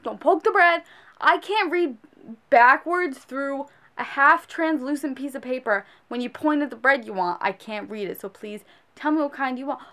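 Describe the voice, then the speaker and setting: A high-pitched woman delivers a casual, exasperated rant about how people behave. She scolds emphatically, like a fed-up food service worker addressing viewers directly. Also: moderate pace, fairly bright tone. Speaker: sandwich shop worker.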